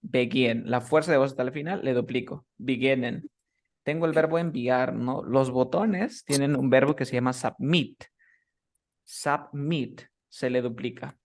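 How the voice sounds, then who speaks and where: A man's voice: mid-range voice, unhurried. A man teaching English grammar in a one-on-one class, explaining rules step by step and checking often that his student follows. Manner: patient, keeps checking understanding with short questions.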